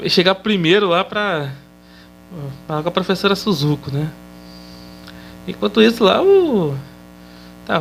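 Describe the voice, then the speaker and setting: High-voiced Brazilian man recapping casually. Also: gravelly, fairly bright tone, slight background noise, poor audio. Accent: Brazilian Portuguese. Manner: loose and chatty, tags sentences with questioning fillers. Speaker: episode reviewer.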